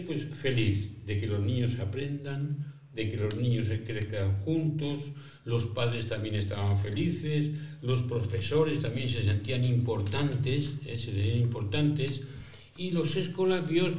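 A man's voice: medium pitch, a little mellow, lightly acted. A man playing an old male priest who founded schools for poor children, telling his story in first person with rhetorical questions and little acted-out dialogues. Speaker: interviewee in character. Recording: roomy echo, voice from a distance.

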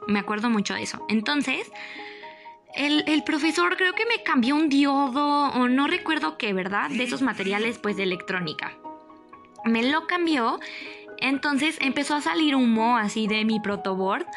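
A young woman with a Mexican Spanish accent telling a personal story in a casual, animated, dramatic way. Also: moderate pace, faint music behind. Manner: animated, dramatic, jumps up in pitch for emphasis.

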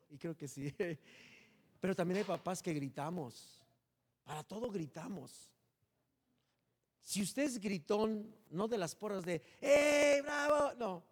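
A man preaching a sermon as pastor, animated and joking, swinging between loud and hushed. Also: high voice, normal speed.

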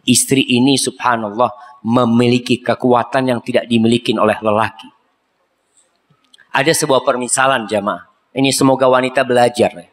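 A man preaching a humorous, emphatic sermon and answering a question from the congregation. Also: medium pitch. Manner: lively, humorous, emphatic rising peaks. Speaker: Islamic preacher. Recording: long echoey hall reverb.

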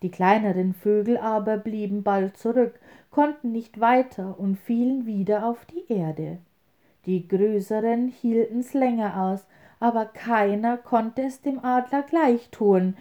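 Woman reading a fairy tale, slow and mellow, kinda high, expressive. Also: muffled recording. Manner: expressive, lively storytelling. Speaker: storyteller.

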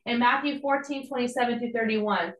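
Her voice is a little high and brisk, with fairly even intonation. As a podcast host and church planter, she delivers a sincere, chatty devotional lesson sprinkled with offhand remarks, and the room she's in is echoey.

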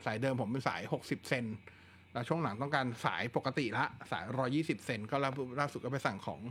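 A man hosting a casual live tech chat, relaxed and talkative, answering viewer questions with plenty of fillers. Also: mid-range voice, fast talker, slight background noise. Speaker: tech livestream host.

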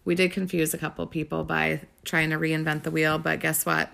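A woman's voice: low voice, flat delivery, a little fast, gravelly, a bit bright. A woman co-hosting a podcast, chatting casually as a bubbly, giggly, rambling storyteller. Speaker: podcast co-host. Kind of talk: casual chat.

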